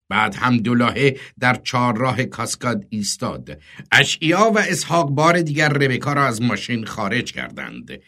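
A man reading an audiobook aloud with a dramatic, expressive storytelling delivery. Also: medium pitch. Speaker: audiobook narrator.

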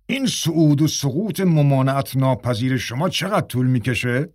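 Audiobook role: man playing a cross, bossy stage director, voice lifted and sharp-edged, dry read. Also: a little high, expressive, breathy edge, no echo. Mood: angry. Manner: scolding, commanding. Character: stern, irritable male theatre director.

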